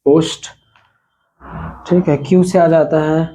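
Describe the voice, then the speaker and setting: A man teaching an English pronunciation lesson, explaining slowly, repeating words for emphasis and often clearing his throat. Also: fairly high pitch, little pitch movement, mellow, rough recording. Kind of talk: spoken language lesson.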